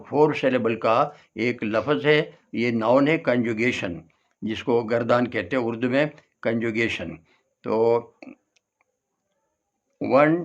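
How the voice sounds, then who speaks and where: A man's voice: medium pitch, dull audio. A man teaching an English lesson, spelling words out letter by letter and explaining them in Urdu. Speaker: English tutor. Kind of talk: classroom lesson.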